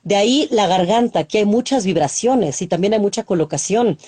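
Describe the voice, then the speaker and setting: A woman's voice: medium pitch, moderate pace, husky. A woman, a poet and radio announcer, reciting poems and explaining reading aloud with many demonstrations, speaking from a broadcast booth over a video call. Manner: expressive, demonstrates voice techniques, frequent "¿no?". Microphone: studio microphone, remote video call.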